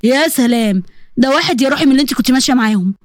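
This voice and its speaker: A woman's voice: sits high, expressive, very fast, no echo, studio quality. A woman voicing a menacing young male blackmailer, taunting and threatening, with an Egyptian accent. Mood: harsh.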